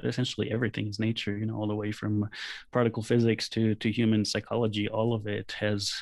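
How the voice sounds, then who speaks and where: A man from Israel speaks as a guest photographer, thoughtful and measured, with the odd restart. His voice sits low and stays flat in pitch. The sound is dry and close. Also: dry recording. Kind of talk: reflective interview answers.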